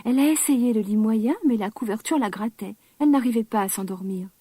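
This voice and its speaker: Woman storyteller for a kids' cartoon tale, gentle and expressive, slightly high, breathy. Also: a little fast, no echo. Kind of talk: children's story narration.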